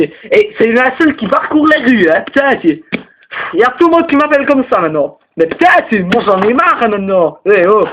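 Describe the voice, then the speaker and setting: A young man with a Belgian French accent playing a crude, rambling male teacher in a comedy sketch, lurching into high, indignant outbursts. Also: muffled recording. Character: crude, touchy male teacher, single, lives with parents. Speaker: teacher at a parents' meeting.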